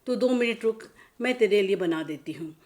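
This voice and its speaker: A woman's voice: mid-range voice, animated, moderate pace, darkish tone, close to an everyday voice. A woman voicing an overworked mother in her sixties, patient and resigned, in a storybook reading. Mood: weary. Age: 60s. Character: overworked sixty-year-old mother, patient and weary.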